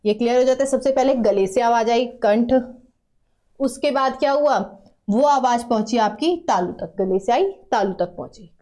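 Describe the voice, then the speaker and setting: Speaking at a normal speed in a fairly high, mellow voice, a woman with an Uttarakhand Hindi accent leads a grammar lesson in class. Patiently she repeats sounds, then has students attempt them aloud.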